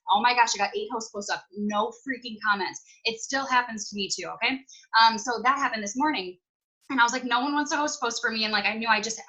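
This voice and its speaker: A woman's voice: medium pitch, pushed and bright, highs cut off. A woman on a video call giving chatty, upbeat tips to her team in a casual way. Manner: chatty, upbeat, talks fast with many "like"s and "you guys". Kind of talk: casual motivational team chat.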